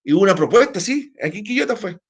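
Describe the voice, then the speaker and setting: Racing along in a high, slightly rough voice with big pitch swings, a Chilean man gives an online class. His long explanations flow loosely, broken by hesitant restarts and tag-question check-ins.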